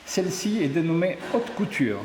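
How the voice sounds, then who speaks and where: In an exhibition room at a tourist office, a middle-aged man from Ardèche, southern France, talks about his sculpture during an interview. His voice is a little high and a little mellow, moving at normal speed with big swings in pitch, and the recording carries the reverberant echo of the hall plus faint background noise.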